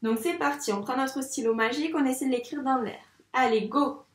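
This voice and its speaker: A fairly high-voiced woman teacher guides young children through handwriting, slow and encouraging, talking straight to the child. Her voice sounds a little distant from the mic. It echoes around the room. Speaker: primary school teacher.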